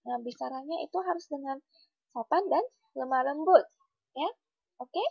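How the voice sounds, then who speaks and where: A woman teacher giving a gentle, repetitive lesson to young children, often checking in with them. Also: high-pitched, normal speed, gravelly, no echo, dull audio.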